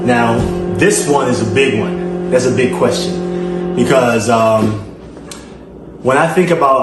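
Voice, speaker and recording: A man from Liberia with a Liberian accent, hosting his channel and answering fan questions in an earnest way, with frequent fillers and repeated phrases. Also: medium pitch. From Liberia, West Africa. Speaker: channel host. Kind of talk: casual Q&A vlog. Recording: echoey room with noise.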